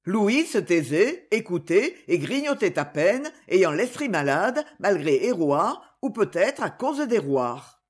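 Audiobook narrator, woman; expressive, wide-ranging pitch, husky tone. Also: slow pace, few pauses. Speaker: audiobook reader. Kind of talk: novel narration.

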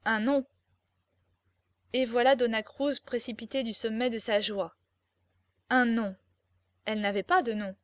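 A woman reading a novel aloud as an audiobook narrator, with steady, expressive storytelling. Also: fairly high pitch, normal speed, pauses often, no echo, studio quality. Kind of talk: scripted narration.

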